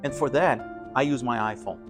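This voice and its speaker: Over music, a man with a medium-pitched voice speaks at normal speed, casually explaining his equipment to camera. He's a pilot who hosts an aviation vlog.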